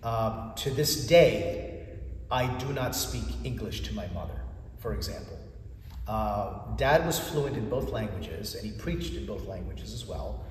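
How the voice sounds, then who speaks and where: Recorded from far off by a camera inside a big, echoing church, this US-based chanter in his fifties, Greek being his first language, tells lively interview stories and voices dialogue loudly. He speaks fairly low and a little slowly, with slight background noise.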